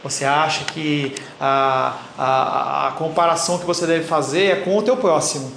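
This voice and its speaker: A man's voice: a little high, fairly even intonation, moderate pace, creaky, a bit bright. A man, a pastor teaching a Bible class in a blunt, teasing way and calling on listeners by name. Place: church hall. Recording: roomy church echo, faint noise.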